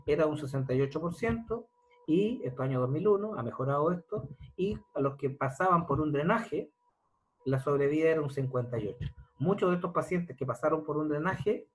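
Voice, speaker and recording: A man's voice: on the high side, slight background noise, low-quality recording. Man giving a medical lecture. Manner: explanatory, asks rhetorical questions. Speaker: pediatric surgeon lecturing.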